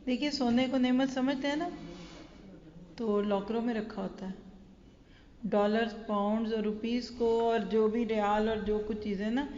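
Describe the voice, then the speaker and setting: A woman's voice: fairly high pitch, fairly even intonation, mellow, a little hiss or hum. Brief: a woman religious teacher lecturing earnestly, with a long hall echo and a dull, muffled sound. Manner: earnest, storytelling, addresses listeners directly. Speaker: Islamic teacher.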